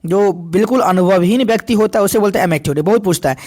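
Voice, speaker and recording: A male teacher runs an exam-prep vocabulary lesson. He reads definitions slowly and then drills each answer again and again in call-and-response fashion. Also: high voice, darkish tone. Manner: repetitive call-and-response questioning, slow over English definitions.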